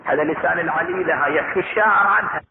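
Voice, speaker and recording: A man's voice: fairly high pitch, very fast, vocal fry, noisy background. A man with an Iraqi accent chanting a mourning lament as a religious reciter, singing the verses in a wailing chant and stopping to explain them in plain speech. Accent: Iraqi Arabic. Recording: echoey hall, tinny phone-like sound, loud music.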